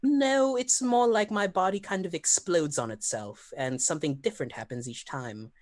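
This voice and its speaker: A woman's voice: on the low side, moderate pace, a little mellow, no room sound, clean studio sound. A woman playing a tabletop game, speaking casually in character. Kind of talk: casual in-character role-play.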